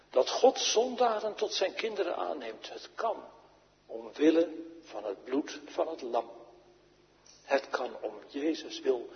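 A man preaching a sermon to his congregation, slow and solemn, with strong rises and falls in his voice. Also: on the high side. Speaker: pastor. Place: church. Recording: dull, echoey church recording.

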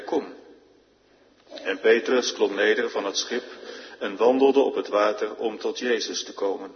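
A man giving a solemn, measured reading of scripture in church. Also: lowish voice. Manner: measured, formal. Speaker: scripture reader. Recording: reverberant, dull lo-fi church recording.

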